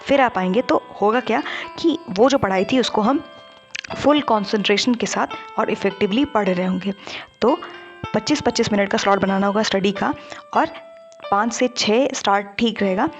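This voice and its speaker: A woman's voice: mid-range voice, normal speed. Woman narrating study tips over music. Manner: conversational teaching, addresses viewers directly. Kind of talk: explainer narration for an animated video.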